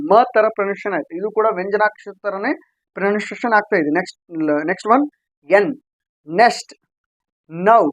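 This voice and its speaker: A man's voice: sits high, dry recording, rough recording. A man teaching English grammar sounds, repeating points and asking and answering his own questions. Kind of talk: explaining a lesson to viewers.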